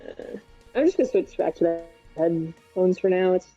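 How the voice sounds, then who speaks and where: A man's voice: high-pitched, moderate pace, husky, faint music behind. A man chatting casually during an online game, his voice muffled and far off as if heard through a wall, from a badly set headset microphone. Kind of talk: casual voice chat. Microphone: headset with built-in microphone. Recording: dull, distant headset mic.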